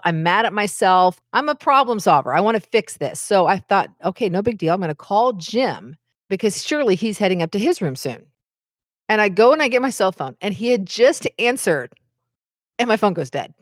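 A woman's voice: medium pitch, no room sound, studio quality. A woman hosting her own podcast, telling a personal story in a chatty, candid, self-deprecating way. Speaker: podcast host. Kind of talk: casual storytelling monologue.

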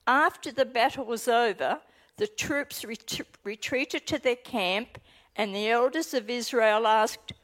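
Speaking in a slightly high, fairly bright voice, an Australian woman pastor delivers a sermon and reads from scripture. Her manner is earnest and deliberate with slight hesitations, though the audio quality is poor.

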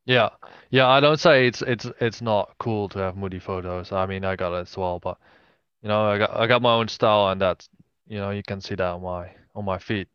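A man giving a casual interview as a podcast guest, speaking haltingly with many hesitations. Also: on the low side, fairly even intonation, smooth, no room sound, highs cut off. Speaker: podcast guest, travelling videographer and drone photographer.

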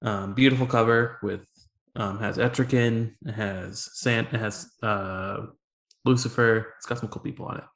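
A man's voice: fairly low pitch, steady tone, normal speed, creaky, fairly bright tone. A man co-hosting a casual podcast chat, speaking with a strong room echo from a room in his new house, making short, laid-back, wry remarks. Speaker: podcast co-host, comic shop staff. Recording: echoey home room.

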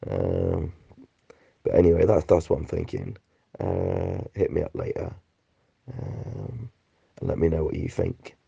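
A man's voice: sits low, big pitch swings, a little slow, gravelly, dark tone, husky, no echo. A British man with a rattly, chesty, flu-ridden voice, rambling casually through a sweary, slangy, laid-back voice note. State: sick with flu and a phlegmy cough. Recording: dull lo-fi voice recording.

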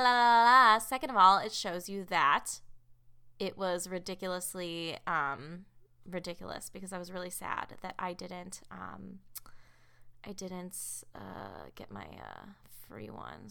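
A woman's voice: mid-range voice, bright, forceful tone, smooth. A young woman in her twenties hosting a solo podcast, telling rambling stories in a chatty, giggly way. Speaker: podcast host. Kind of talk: casual solo chat.

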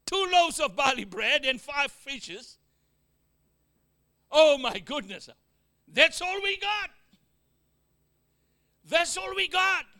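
This preacher, a man with a Fijian accent, speaks in a sing-song, slow way with long pauses, his voice very high and piercingly bright. Amens and calls to the congregation mark his points, and he slips in jokes while moving from booming statements to near-whispers.

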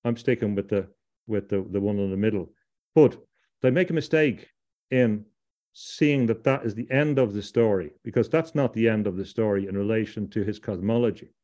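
A man's voice: on the low side, normal speed, mellow, muffled recording. A middle-aged man from Ireland, a podcast guest, talking at length in a discursive way, often repeating words and restarting his sentences. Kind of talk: discursive interview talk.

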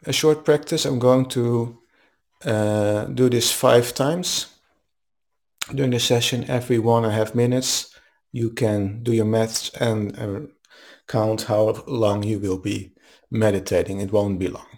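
Slow-paced male meditation guide. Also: mid-range voice. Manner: slow, calm, soothing, with long pauses. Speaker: meditation teacher leading a live online session.

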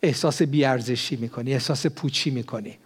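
Older man, pastor, sermon, fervent rises, hushed prayer, mid-pitched voice. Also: slightly rough. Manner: impassioned preaching that swells in pitch and volume on key phrases.

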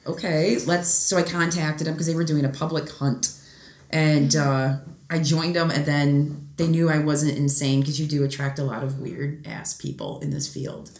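A woman in her thirties from Michigan, a guest on a casual podcast chatting and telling a story with animated asides. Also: low voice, moderate pace, echoey room. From Michigan, USA. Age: 30s. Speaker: guest, ghost hunter and librarian.

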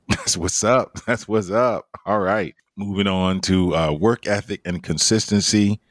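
Male podcast host, deep voice, dry sound, easygoing moderator. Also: a little slow, no room sound. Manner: laughs easily, steady moderating. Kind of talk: casual podcast discussion.

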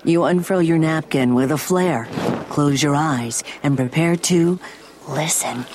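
A woman narrating a commercial in a sultry, savoring, drawn-out manner. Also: sits low, noisy background. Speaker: advertisement voice-over. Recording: studio voice over clear background music. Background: music.

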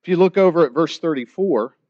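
A man's voice: a little high, fairly quick, no echo, muffled recording. A male pastor preaching a sermon in a conversational way, acting out the voices of the people he quotes.

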